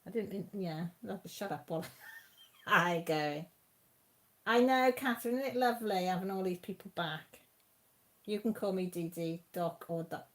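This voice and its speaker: A woman with a Mid Wales Radnorshire accent, speaking at an unhurried pace in a fairly low voice, hosts a laid-back live chat on her YouTube channel. She reads comments out and laughs often, sounding chatty and homely.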